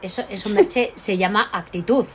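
Woman host, interview questions, halting repeats, faint noise behind. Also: mid-range voice. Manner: repeats words while framing questions.

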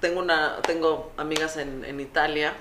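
A woman's voice: low-pitched, fairly even intonation, moderate pace. A woman with a Mexican Spanish accent, co-hosting a casual chat in a talkative, inquisitive way. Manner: chatty and inquisitive. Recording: roomy with faint noise.

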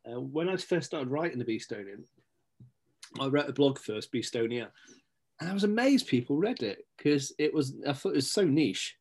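A middle-aged local magazine editor, born in Scotland and raised in Stapleford, England, appears as a guest in a casual interview. His mid-range voice is expressive and moderately paced, and he rambles with plenty of fillers and restarts.

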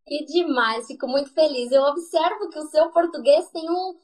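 High-voiced Brazilian woman hosting a chat. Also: fairly even intonation, moderate pace, darkish tone. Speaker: host of a live session. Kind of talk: casual conversational interview.

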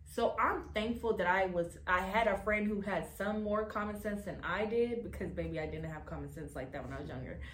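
A woman's voice: mid-range voice, fairly quick, few pauses. Frank young woman telling a story, echoey room. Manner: animated, frank, swears often, calls viewers baby and child. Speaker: vlogger. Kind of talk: casual storytelling to camera. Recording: roomy room with faint noise.

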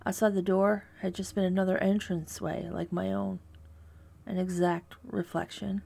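A woman narrating a first-person horror story in a hushed, measured, dread-filled delivery. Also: mid-range voice, little pitch movement, gravelly.

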